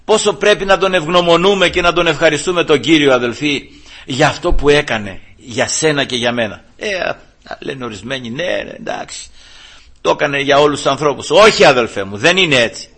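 A man preaching a sermon to his congregation, often calling them brothers, with emphasis that swings between loud, high passages and quiet, low asides. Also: breathy edge. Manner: addresses listeners as brothers, rising and falling emphasis.

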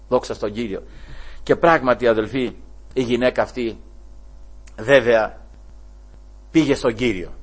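A husky-voiced male preacher delivering a sermon with a lively, swooping delivery. His pitch sits a little high for a man. He rises into loud exclamations and then drops into hushed asides praising the Lord. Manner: swings between loud raised exclamations and hushed low asides; repeats "brothers" and "glory to the Lord" as refrains.

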